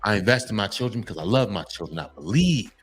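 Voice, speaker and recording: A man's voice: on the low side, very fast, a bit bright, faint music behind. A man, giving a heartfelt motivational talk to fathers. He is emphatic, stumbles and repeats himself, and is tearful at times. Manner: emphatic, repetitive, restarts often, preachy. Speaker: vlogger addressing fathers.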